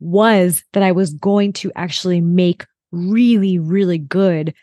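A woman's voice: fairly low pitch, slow pace, mellow, dry recording, clean studio sound. A woman in her late thirties, a podcast guest chatting over a video call and acting out her own thoughts in quotes. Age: late 30s. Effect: heard over a video call. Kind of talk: casual interview chat.

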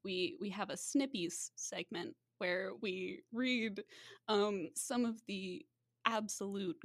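A woman with a medium-pitched voice speaks slowly, hosting a podcast full of casual, chatty banter. She giggles often and laughs frequently while talking. There's no room sound on the recording.

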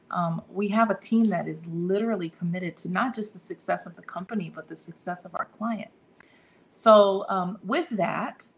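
A woman's voice: lowish voice, gravelly, slight background noise, low-quality recording. A woman answering interview questions about her publishing business, earnest and encouraging, often restarting her sentences. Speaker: guest, publishing company leader.

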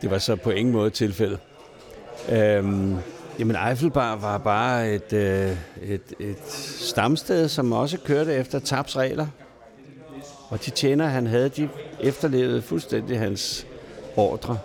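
A man's voice: mid-range voice, creaky, darkish tone. Chuckling man spinning yarns. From Denmark. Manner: chuckling, colloquial and salty. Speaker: storyteller. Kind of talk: casual anecdote telling. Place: neighbourhood pub.

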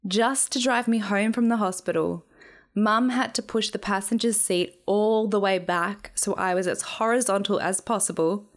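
A woman's voice: mid-range voice, normal speed. A young woman reading her own memoir aloud in a dry, wry storytelling manner. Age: young adult. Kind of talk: memoir narration.

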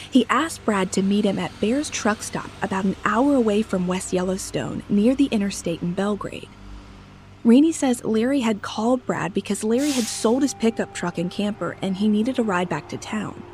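A woman podcast host giving scripted true-crime narration in a measured storytelling manner. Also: mid-range voice, darkish tone, a little hiss or hum.

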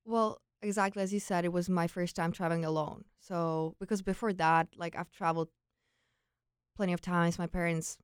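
Young Czech-accented woman, clear smooth voice. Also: on the low side, fairly even intonation, moderate pace, no room sound, studio quality. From Czech Republic, grew up in Prague. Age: young adult. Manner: informal, peppered with "like" and quoted thoughts. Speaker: interview guest, former exchange student. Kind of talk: casual personal storytelling.

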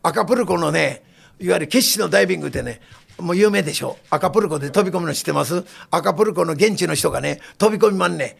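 An older man with a Kansai accent, a guest telling lively anecdotes and acting out the voices in them, with a gravelly, husky voice. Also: on the high side, fast talker. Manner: lively, acts out the voices in his stories.

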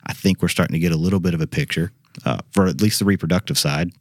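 In a casual interview with no room sound, a low-voiced, slightly mellow man talks fast. He's a university biologist and teacher from Arkansas, explaining things as a guest expert in plain, everyday language.

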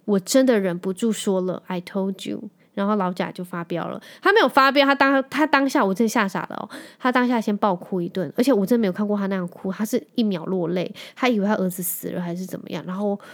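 A woman in her thirties with a Taiwanese Mandarin accent hosts a casual podcast. She tells a long personal story in a lively, chatty way. She keeps turning to her listeners and speaking to them directly. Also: medium pitch, fast. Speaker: podcast host.

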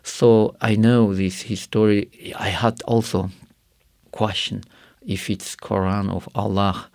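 A guest from Karakalpakstan, Uzbekistan, tells his personal story in an interview using halting, earnest non-native English with many fillers. His gravelly voice is fairly low, level in tone and a bit mellow, captured in a dry studio recording.

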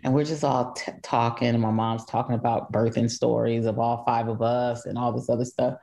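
A woman's voice: extremely low pitch, level tone, brisk, vocal fry, warm tone. A woman guest telling a rambling family story with laughs and many fillers. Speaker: guest, older sister. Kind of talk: casual storytelling.

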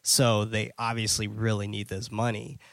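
A man's voice: fairly low pitch, little pitch movement, normal speed, gravelly, dry recording. A man hosting a casual movie-review podcast, recapping a plot in a loose, filler-heavy way and swearing now and then. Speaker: podcast host.

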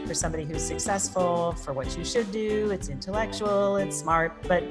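A woman hosting a podcast interview, introducing her guest in an upbeat, effusive way. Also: on the low side. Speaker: podcast host.

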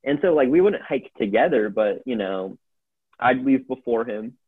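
A man's voice: mid-range voice, animated, moderate pace, husky, no echo. A man telling a long story as a podcast guest. He talks in a loose, rambling way and uses a lot of fillers. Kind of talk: casual storytelling. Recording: phone-like narrow sound.

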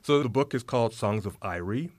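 A man interviewing an author, relaxed and affirming, with frequent short "mm" responses. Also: mid-range voice, a little fast, no echo. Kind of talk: conversational interview.

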